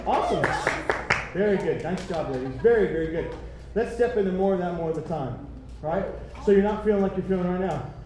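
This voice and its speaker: A man directing a choir rehearsal, energetic and encouraging, singing phrases to demonstrate. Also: high-pitched, fairly quick, a faint crowd. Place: large rehearsal room. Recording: echoey room from far off, singers behind.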